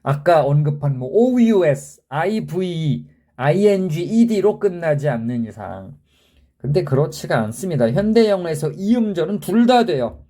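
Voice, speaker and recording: A man's voice: on the high side, big pitch swings, moderate pace, mellow. A man teaching a grammar lesson, who spells out word endings letter by letter and keeps quizzing the viewer in an emphatic way.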